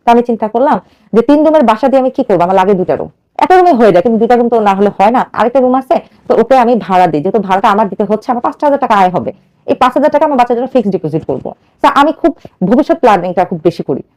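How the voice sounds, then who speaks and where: Her voice is fairly high with a dark tone, lively in intonation and very fast. She's a Bangladeshi woman in her thirties, earnestly and urgently telling a radio host her life story and acting out quoted speech along the way, an emotional personal narrative.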